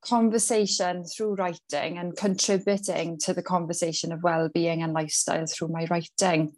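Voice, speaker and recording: Podcast guest: woman, middle-aged, Welsh Valleys accent, slightly low pitch, conversational interview delivery. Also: steady tone, moderate pace, a little mellow, rough recording. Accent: South Wales Valleys. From Wales. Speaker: podcast guest, wellbeing coach.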